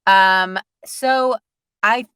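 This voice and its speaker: A woman's voice: medium pitch, extremely slow, bright, forceful tone, clean tone, dry recording. A woman, a voice actor chatting casually in an interview, rambling with many fillers and laughs. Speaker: voice actor guest.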